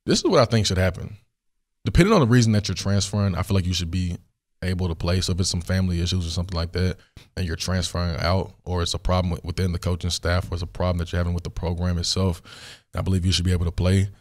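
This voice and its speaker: With a low voice at a quick pace, a young man runs his own Q&A podcast in a studio. His hoarse, worn tone suggests a voice on the mend, and his delivery is relaxed, meandering and full of fillers.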